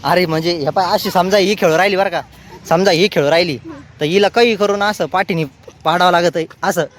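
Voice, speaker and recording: A man's voice: high-pitched, steady tone, a little fast, a little hiss or hum. A man, giving chatty, teasing vlog commentary outdoors. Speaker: vlogger.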